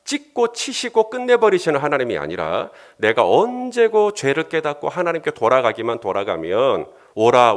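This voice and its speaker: A male pastor preaching a sermon in an animated way, often acting out bits of dialogue. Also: on the high side.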